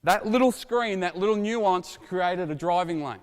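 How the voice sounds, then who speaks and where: A middle-aged coach runs a basketball drill at a coaching clinic demonstration on an indoor court, his high voice carrying across the space. He's energetic and direct, shouting quick drill instructions to players and explaining things to the watching coaches. The big gym gives the sound a long reverb.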